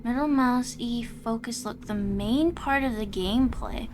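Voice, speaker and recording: A young woman streaming a game, chatting casually, reacting aloud and thanking her viewers, her voice going hoarse. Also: fairly high pitch, unhurried, noisy background. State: losing her voice.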